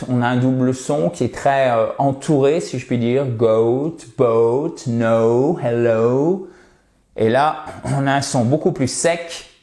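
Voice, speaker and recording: A man teaching English in French, slowly explaining test answers and modeling pronunciation. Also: medium pitch, darkish tone, echoey room. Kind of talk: French-language English lesson.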